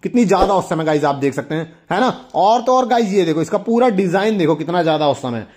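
This young man's high-pitched voice has a darkish tone, lively intonation and a quick pace. In a casual toy demonstration for viewers, he is enthusiastic, keeps exclaiming, and often repeats himself.

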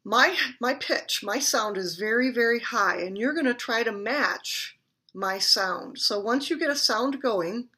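Lady teaching clarinet, bright clear voice, chatty and friendly, laughs at herself. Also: fairly high pitch, expressive, unhurried. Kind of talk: instructional demonstration.

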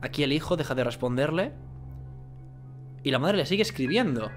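A man's voice: fairly high pitch, expressive, brisk, faint music behind. A young man from Spain with a Spanish accent, commenting in a casual, jokey, profane way as a YouTube host.

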